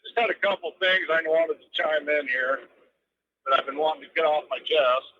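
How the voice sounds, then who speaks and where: A man's voice: fairly high pitch, moderate pace. A man calling a radio talk show on the phone while driving a truck, rambling earnestly through his points in casual chat. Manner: rambling and earnest, piles up points with many ums. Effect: phone call from a moving truck. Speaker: radio call-in caller. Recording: muffled lo-fi phone line from a moving truck. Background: road and vehicle noise.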